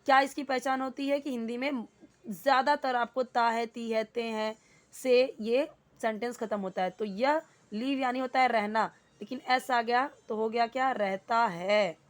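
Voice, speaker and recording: A woman teaching English in Hindi, patiently explaining grammar and reading English sentences slowly. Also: a little high, fairly even intonation.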